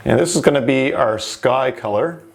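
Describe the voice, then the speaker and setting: A man's voice: mid-range voice, normal speed, creaky, slight background noise. A man giving an informal painting lesson in the manner of a TV painting instructor, talking through each step as he works. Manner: informal, narrates each step while working.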